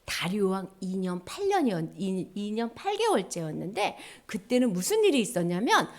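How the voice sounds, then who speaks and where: A woman preacher giving a children's sermon, animated storytelling in simple words, asking the listeners questions. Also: medium pitch, normal speed.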